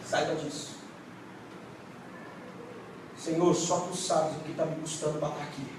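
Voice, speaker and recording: A man's voice: fairly high pitch, steady tone, measured pace, noisy background. A male pastor preaching a dramatic sermon at a church service. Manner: dramatic, swings from quiet to shouting. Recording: echoey church hall, distant mic.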